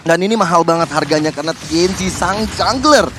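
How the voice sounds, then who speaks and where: A man shoutcasting live game play-by-play as an excited fighting game announcer. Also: a little high, a little fast. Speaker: esports shoutcaster. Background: noise.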